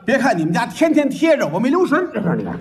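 High, lively crosstalk comic. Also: male voice, very fast. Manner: rattles off long rhythmic patter lists; acts out scenes with mimicked sounds. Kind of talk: xiangsheng crosstalk performance.

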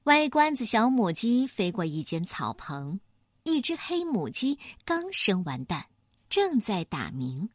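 Expressive woman reading a children's story. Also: mid-range voice, a little slow, no room sound, studio quality. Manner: expressive, animated.

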